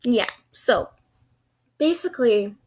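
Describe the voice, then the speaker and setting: A young woman chats to her vlog audience at a slow, rambling pace. Her lisp makes her s sounds slushy, close to sh. She is hesitant and self-deprecating, with a giggly, casual way of talking. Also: on the high side, lively intonation, darkish tone, husky. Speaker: vlogger.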